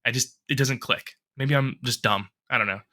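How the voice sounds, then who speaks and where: A man co-hosting a casual podcast, rambling and swearing through animated rants, still a bit congested from a cough. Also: medium pitch, normal speed. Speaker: podcast co-host.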